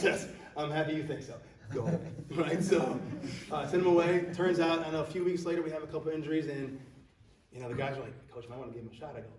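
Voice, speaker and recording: A man speaking as a high school soccer coach at a banquet, telling loose stories and acting out the quoted lines. His voice sits at a middle pitch, and the recording is roomy, with him standing back from the mic. A faint hiss runs underneath. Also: a little mellow. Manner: storytelling, acts out quotes. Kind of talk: banquet award speech. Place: banquet hall. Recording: echoey hall, speaker far from mic.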